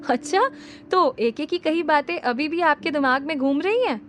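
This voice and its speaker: A woman voicing a playful young male teacher who teases his mother, in a lively, joking manner. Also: high voice, moderate pace, a little hiss or hum, pitched above the performer's own voice. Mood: teasing. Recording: music playing under the voice.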